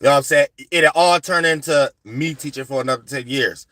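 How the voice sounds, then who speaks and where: A man's voice: fairly high pitch, fairly quick, fairly bright tone, no echo. A man giving a casual spiritual lecture to his viewers in a slangy, rambling, preachy way, often asking "you know what I'm saying". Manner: slangy conversational delivery. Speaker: spiritual astrology channel host.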